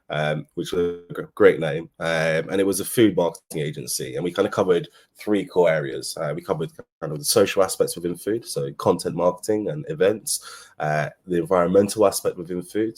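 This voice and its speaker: His voice is low and darkish with a breathy edge. The speaker, an agency co-founder from London, England, with a London English accent, tells his own story in an informal business presentation, conversational and explanatory in manner.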